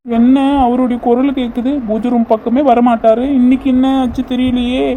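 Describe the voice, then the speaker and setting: ஒருவர் கார்ட்டூனில் கணவரிடம் கவலையோடு கெஞ்சும் பக்தியான இளம் மனைவிக்குக் குரல் கொடுக்கிறார். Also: male voice, very high voice, little pitch movement, moderate pace, warm tone, a little hiss or hum. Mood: fretful. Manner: pleading, fretful. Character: worried devoted young wife Pushpa. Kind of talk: cartoon voice acting.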